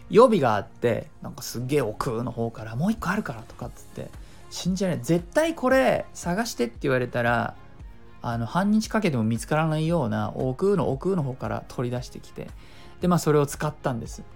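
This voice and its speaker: The voice is slightly high and gravelly, belonging to a middle-aged man who hosts a relaxed talk show on his own. He's chatty and explains what he means, giving advice on speaking and sprinkling in small sound imitations.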